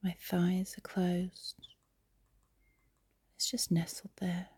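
A young adult woman whispering softly and confidingly into a phone while lying in bed. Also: lowish voice, monotone, dry recording. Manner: soft breathy whisper, unhurried and confiding. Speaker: amateur audio creator. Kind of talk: whispered intimate audio diary. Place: in bed, lying on her side. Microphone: phone held close.

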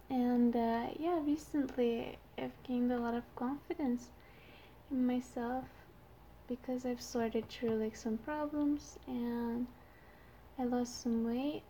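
A woman's voice: on the high side, warm tone, a little hiss or hum. A 22-year-old woman from Canada, a native French speaker with a Quebec French accent, chatting casually and shyly to her listeners in a youthful-sounding voice. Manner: shy, hesitant, giggly. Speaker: amateur audio creator.

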